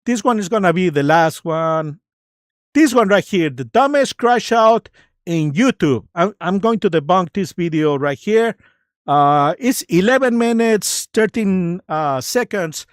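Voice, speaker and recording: A livestream host talks slowly and haltingly, improvising commentary on videos. The delivery is mocking and sarcastic, ready to argue. The sound is dry, with hardly any room on the voice. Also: mid-range voice, lively intonation, no room sound. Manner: halting, loosely improvised, searching for words.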